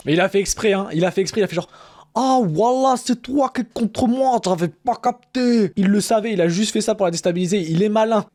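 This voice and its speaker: A man's voice: high voice, a little fast, a little mellow. A man commenting casually and jokingly as he reacts to a show, full of slang and laughter. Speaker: reaction streamer.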